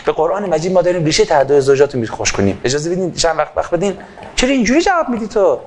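A man giving an impassioned sermon into a microphone. He swings between loud fervor and quiet asides and acts out little dialogues. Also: on the high side, very animated, slight background noise. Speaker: preacher.

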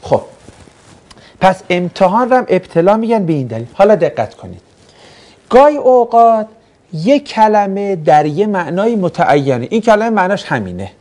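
Joking male teacher with a mellow voice. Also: sits high, sing-song. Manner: jokey, asks the class questions and banters. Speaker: religious studies teacher. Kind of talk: classroom lecture with questions to students. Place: classroom.

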